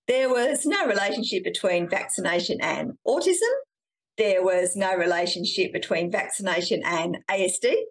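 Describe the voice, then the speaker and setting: A middle-aged woman hosting a science video, explaining to camera in an animated, emphatic way from a couch in a small room. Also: on the low side. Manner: animated, emphatic, gesturing with hands.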